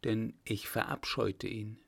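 A man's voice: fairly low pitch, fairly even intonation, slow, creaky, husky, heavily acted. A man voicing a shy, earnest young woman.

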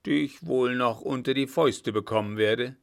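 A man voicing a blustering, gruff old field marshal who bellows brusquely. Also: mid-range voice, normal speed, natural voice.

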